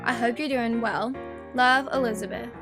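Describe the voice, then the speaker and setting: A woman's voice: fairly high pitch, fairly even intonation, normal speed, music in the background, lightly acted. A woman playing a supportive home-front wife, reading her letter as a voice-over. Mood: caring.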